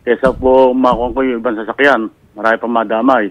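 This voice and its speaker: A man, a bus driver calling in, answering loudly and defensively. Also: medium pitch, little pitch movement, dull audio. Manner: loud, defensive, rapid.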